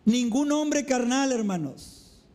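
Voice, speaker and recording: A man's voice: extremely high pitch, lively intonation, slow, a little mellow. A man preaching a sermon, constantly calling his listeners brothers. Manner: addresses the congregation as "hermanos" constantly. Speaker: pastor.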